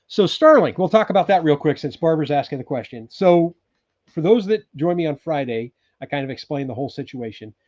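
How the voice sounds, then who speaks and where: A man's voice: on the high side, fairly quick, no echo. Rambling man in his sixties, dull dry sound. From California. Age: 60s. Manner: rambling, relaxed, many ums and restarts. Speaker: livestream host. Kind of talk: casual live chat reading viewer comments. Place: off-grid cabin in Alaska.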